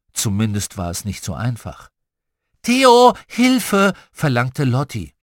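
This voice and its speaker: A lively, expressive man reading a children's story. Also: mid-range voice, husky, no echo, studio quality. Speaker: audiobook reader.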